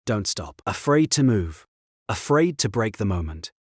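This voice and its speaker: A man narrating a story in short, clipped, terse sentences with a husky voice. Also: on the low side, sing-song, a little slow, dry recording, clean studio sound.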